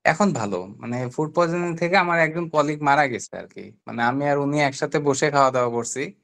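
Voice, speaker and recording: A man taking part in a session, chatting casually in a hesitant, halting way. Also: fairly high pitch, creaky, a bit bright. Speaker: session participant. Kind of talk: casual chat.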